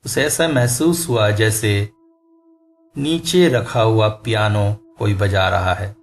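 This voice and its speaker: Brief: man narrating a horror tale, very slow, suspenseful, light music behind. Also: lowish voice. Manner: slow, suspenseful, rising in tense moments. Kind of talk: dramatic storytelling narration. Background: faint music.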